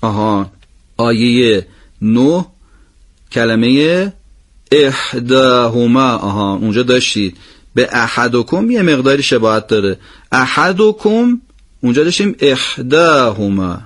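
A man teaching a recitation lesson. He explains each rule, asks questions and answers them himself, then recites the phrases slowly. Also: medium pitch, lively intonation.

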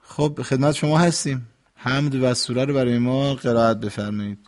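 A man's voice: medium pitch, fairly even intonation. A man hosts a call-in radio program from the studio. He speaks in a patient, teacherly way with a mid-range voice, often demonstrating how words should sound. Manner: patient, corrective, demonstrates pronunciation. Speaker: radio host and recitation teacher. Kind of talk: instructive radio call-in talk.

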